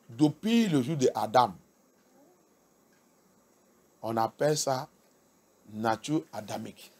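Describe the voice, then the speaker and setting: A male pastor preaching a sermon with emphatic delivery, repeating key phrases and swinging from soft to loud. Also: fairly low pitch, gravelly, slightly rough.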